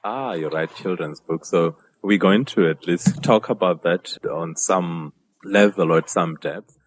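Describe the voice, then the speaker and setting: A man hosting an interview podcast from a studio, asking questions in a measured, courteous way. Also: deep voice. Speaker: podcast host.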